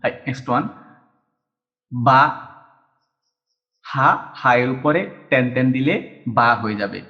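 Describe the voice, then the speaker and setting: This mid-range male voice moves fairly quickly through a language lesson, captured on dull lo-fi audio. Step by step, he patiently repeats every sound and counts the strokes aloud.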